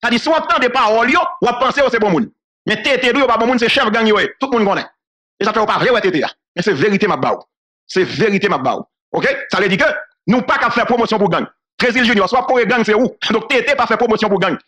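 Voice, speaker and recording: A man from Haiti delivers solo political commentary in a high, sharp voice. He talks at a rapid clip, hammers his key phrases again and again, and laughs briefly between points.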